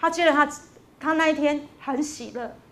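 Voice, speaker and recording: A woman's voice: sits high, normal speed, fairly bright tone. A woman preaches a Sunday sermon. She tells a story in a conversational way and then builds to emphatic, rising exhortation.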